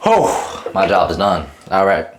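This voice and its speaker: A man's voice: deep voice, wildly swooping pitch, a little slow, noisy background. A giggly, tipsy man bantering casually, playfully teasing and mock-indignant. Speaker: cooking vlog co-host. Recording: music behind the voice. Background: background music.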